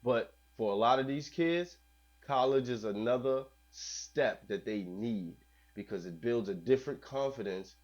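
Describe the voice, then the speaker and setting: A man's voice: medium pitch, a little slow, a little mellow. A man in a casual chat, earnest and explaining, often restarting his sentences. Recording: dull lo-fi sound.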